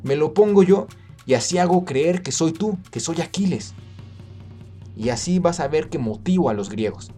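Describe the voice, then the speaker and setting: A man's voice: on the high side, expressive, moderate pace, mellow, soft background music, pitched above the performer's own voice. A man voicing an eager young male warrior who pleads insistently in a storytelling piece. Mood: eager pleading. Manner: coaxing, insistent.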